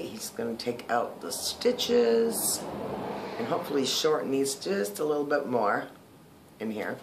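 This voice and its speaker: A man's voice: medium pitch, noisy background. A man chatting casually in a video diary, his speech a little slurred and lispy from new dentures. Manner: chatty and rambling, many ums. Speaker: vlogger.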